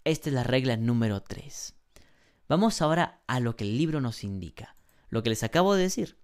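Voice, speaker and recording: A man teaching an English grammar lesson, patiently explaining rules, asking rhetorical questions and slowing down to stress key points. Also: mid-range voice, animated, darkish tone, smooth.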